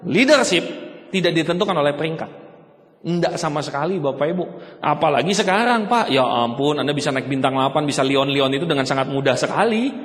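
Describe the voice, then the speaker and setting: A man giving an animated motivational seminar talk. He keeps addressing the audience directly and mimics other people for laughs. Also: on the high side. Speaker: motivational speaker for a network marketing business. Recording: hall with long reverb.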